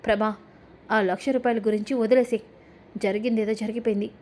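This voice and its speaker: A calm elderly father who tries to settle a family quarrel with measured pleading, as a woman narrator puts him on. Her voice stays mellow and slightly high. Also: lightly acted.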